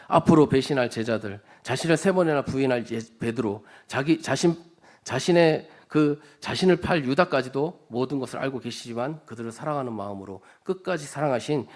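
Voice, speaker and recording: A man preaching a sermon to his congregation in a conversational way, often asking the listeners questions and acting out quoted speech with emphasis. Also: medium pitch. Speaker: church evangelist preaching.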